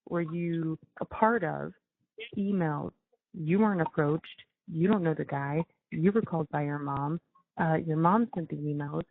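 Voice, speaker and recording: A man talking casually on a prison phone call, emphatic and supportive, with a halting delivery. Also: a little high. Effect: prison phone line. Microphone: telephone. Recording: tinny narrow prison phone line.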